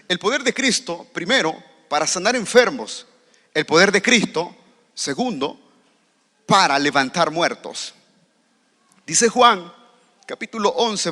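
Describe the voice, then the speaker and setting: Man, pastor, sermon, rhetorical questions to the congregation, high pitch, reverberant church hall. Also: bright, forceful tone.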